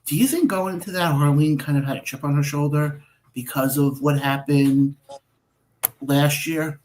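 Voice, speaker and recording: A man's voice: on the high side, moderate pace, darkish tone, low-quality recording. A man hosting a wrestling radio show, asking questions and telling stories in a chatty way. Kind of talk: casual interview talk.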